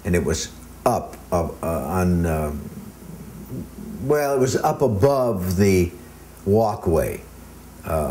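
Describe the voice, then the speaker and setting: A man's voice: low-pitched, warm tone, slight background noise. A man being interviewed, telling long rambling anecdotes in a casual way with plenty of hesitations. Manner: rambling anecdotes with many ums. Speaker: interview guest. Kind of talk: casual storytelling.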